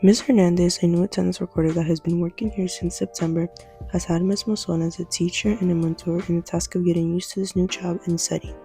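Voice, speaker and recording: A teenage woman reading a scripted news report as a student reporter, brisk and even. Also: fairly low pitch, faint music behind.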